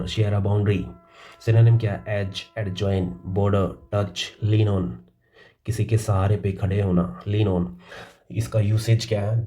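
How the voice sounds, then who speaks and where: Slow, dark-voiced male vocabulary teacher. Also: on the low side. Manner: explains in Hindi, reads English definitions slowly; calls listeners "भाई". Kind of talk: casual vocabulary lesson.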